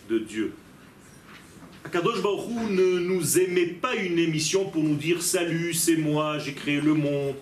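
A man's voice: sits high, a bit bright, slight background noise. A man teaching a religious lesson as a rabbi, emphatic and posing rhetorical questions to his listeners. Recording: echoey room.

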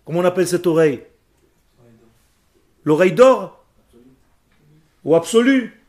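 In a high voice with lively intonation and a somewhat dark tone, an emphatic teacher takes a class through Hebrew and Torah a little slowly. He is Israeli, Hebrew is his first language, and he quizzes students while explaining word by word.

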